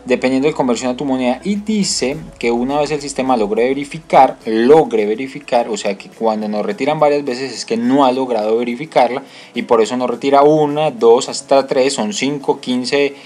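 A man's voice: medium pitch, moderate pace, few pauses, darkish tone. Colombian man walking through a tutorial. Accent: Colombian Spanish. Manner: explanatory, many fillers and restarts. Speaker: tutorial host. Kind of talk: screen-recorded tutorial walkthrough.

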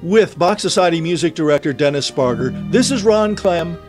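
A man's voice: fairly high pitch, expressive, moderate pace. A man hosting a music discussion show with a polished announcer delivery. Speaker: host. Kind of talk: radio-style hosted discussion.

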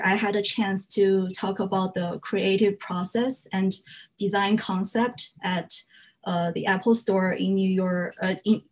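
With a medium-pitched, somewhat mellow voice, this young woman from China earnestly walks through slides about being a fiber artist. English isn't her first language; she uses many "uh" fillers and slightly non-native grammar.

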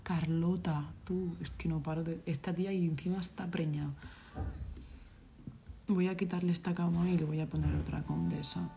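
Gravelly Valencian woman streaming. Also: on the low side, steady tone, normal speed, warm tone. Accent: Valencian Spanish. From Valencia, Spain. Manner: chatty, exclaiming, scolding the game characters. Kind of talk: casual live-stream chat while playing a game.

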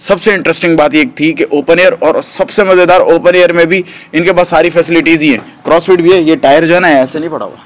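Speaking quickly with hardly a pause, a man from Pakistan chats excitedly and fires off questions during a casual walking vlog that reviews a gym at night, both indoors and out. His pitch is slightly high and his intonation fairly even, captured on a handheld phone.

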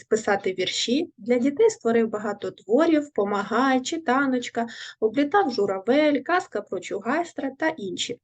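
A woman teaching a recorded lesson to young children, speaking clearly and patiently, asking questions and praising her pupils. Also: on the high side, a little mellow. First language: Ukrainian. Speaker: primary school teacher.

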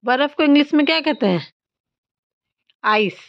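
A woman's voice: sits high, lively intonation, normal speed, vocal fry, dry recording. Mother quizzing her child, voice raised. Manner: teasing, questioning, slightly raised voice. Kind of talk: scolding and coaching a child at homework. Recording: slightly dull lo-fi phone audio.

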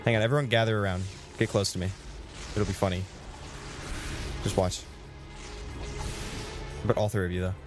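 Young male streamer, fairly low voice, rambling casual chat, game music behind. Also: fairly even intonation, normal speed, pauses often. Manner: rambling, chatty, talks to his chat. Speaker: Twitch streamer. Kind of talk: casual gaming livestream commentary.

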